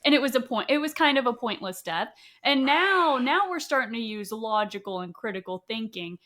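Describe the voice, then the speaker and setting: A woman's voice: fairly high pitch, lively intonation, moderate pace, sharp tone. A young woman co-hosting a podcast, talking in an enthusiastic, emphatic, casual way. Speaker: podcast co-host. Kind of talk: casual chat.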